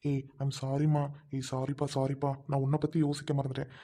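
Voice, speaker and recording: A man's voice: medium pitch, completely flat delivery, brisk, warm tone, natural voice. A man playing an earnest young husband who questions then apologizes to his wife, in a family web drama. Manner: earnest, apologetic, mixing in English words.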